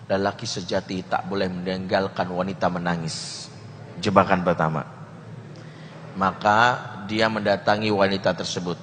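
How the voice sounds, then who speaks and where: Bright-voiced preacher telling stories in a hall. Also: male voice, on the low side, a little hiss or hum. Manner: animated, joking asides in slang. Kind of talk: storytelling sermon. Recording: reverberant hall.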